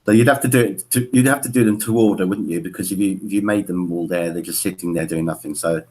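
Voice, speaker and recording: Middle-aged male stand-in host, very low voice, chatty and rambling, video call. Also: fast, darkish tone. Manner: rambling, peppered with "you know". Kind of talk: casual video-call chat.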